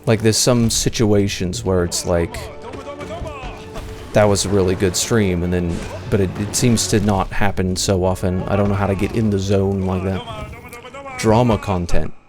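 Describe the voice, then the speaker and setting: Rambling streamer, low voice. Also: male voice, steady tone, moderate pace. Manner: meandering, self-deprecating, many fillers and restarts. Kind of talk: casual rambling livestream chat. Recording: music playing clearly behind the voice.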